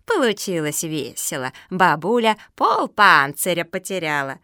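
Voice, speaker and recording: A grumpy old turtle grandmother who lectures everyone with fussy self-importance, as a woman reader puts her on. Her voice sits a bit lower than the narration, in a dry, close recording. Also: sing-song, unhurried, bright, forceful tone, no echo, heavily acted. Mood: haughty. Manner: pompous, fretful, lecturing. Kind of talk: audiobook character reading.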